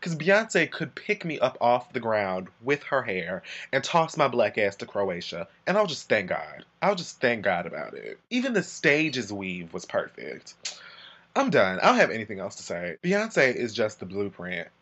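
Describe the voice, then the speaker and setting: A man's voice: lowish voice, wildly swooping pitch, normal speed, fairly bright tone, slightly rough, lo-fi sound. A man vlogging a comic rant to camera, sassy and preachy, like a mock sermon.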